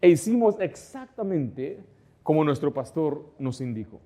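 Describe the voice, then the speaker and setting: A middle-aged man preaches a sermon in a fairly high voice. He keeps turning to his listeners with rhetorical questions. He acts out the back-and-forth of his anecdotes as he goes. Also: sing-song, measured pace, warm tone. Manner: asks the congregation rhetorical questions; acts out dialogue within anecdotes. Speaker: pastor.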